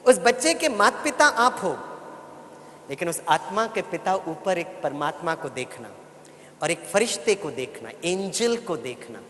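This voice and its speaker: Sharp in tone and very animated, this spiritual speaker's high voice runs a little slow. Speaking to a live audience in a large hall, he tells stories to motivate them and leads them in repeating lines back. Echo and faint background noise fill the recording.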